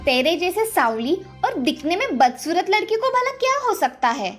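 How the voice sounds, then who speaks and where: A taunting, bossy stepmother from a cartoon storybook, as a woman puts her on. She snaps out commands in a high voice, with faint music behind. The tone stays sharp and cutting. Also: sing-song, moderate pace, heavily acted. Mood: scolding. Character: harsh scolding stepmother, middle-aged woman. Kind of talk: animated storybook voice acting.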